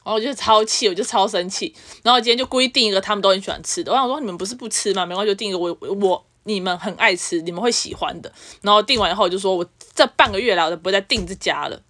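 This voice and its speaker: A young woman, co-hosting a casual podcast and telling stories in an animated way. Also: mid-range voice. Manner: fast, animated storytelling. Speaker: podcast co-host. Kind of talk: casual chat.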